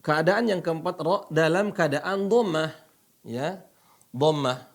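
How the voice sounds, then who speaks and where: A man's voice: a little high, slow pace, creaky. A man teaching Quran recitation, patiently repeating each phrase and drawing out the model readings for his students. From Indonesia.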